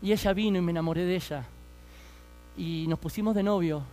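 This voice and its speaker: A man's voice: high-pitched, brisk, darkish tone. A man in his thirties with an Argentine accent, telling his life story as a fervent preaching testimony and speaking straight to his listeners. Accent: Argentine Spanish.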